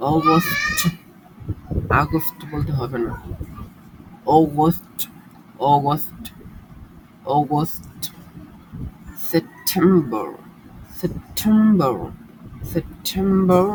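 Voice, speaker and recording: A man giving a casual spoken English lesson, drilling words again and again, with quick asides between the drills. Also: fairly high pitch, noisy background. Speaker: self-taught English learner teaching basics.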